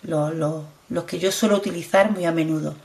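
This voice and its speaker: A woman's voice: sits low, fairly even intonation, fairly quick, darkish tone. A middle-aged woman with a Spanish accent from Spain, chatting casually as she shows her products on camera and repeating herself as she urges viewers to look closely. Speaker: beauty vlogger.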